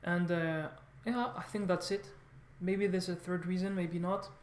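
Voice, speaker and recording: His voice sits high and steady, with a little hiss or hum in the background and a clear room echo. The man, a vlogger learning a language whose native tongue is French, rambles casually to viewers, restarting phrases and correcting himself frequently.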